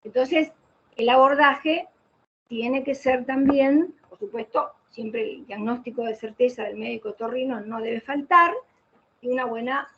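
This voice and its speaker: In a fairly high, fairly bright voice that moves a little slowly, a woman specializing in voice care gives a didactic online lecture, putting rhetorical questions to the audience and answering them herself. Audio comes through a computer mic on a video call, muffled with a faint hiss.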